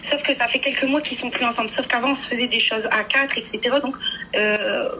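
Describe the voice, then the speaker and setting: A young woman calling a radio show, shaken and hesitant, halting with many fillers. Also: fairly high pitch, steady tone, sharp tone, a little hiss or hum, poor audio. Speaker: caller. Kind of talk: phone-in confession.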